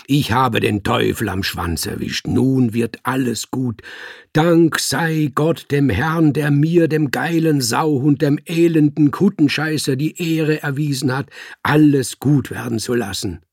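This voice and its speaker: A man voicing a frantic, crude male ship's cook who shouts his words in a raised, excited voice. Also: medium pitch, a little slow, no echo, studio quality. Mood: frantic triumph. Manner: shouting hoarse exclamations.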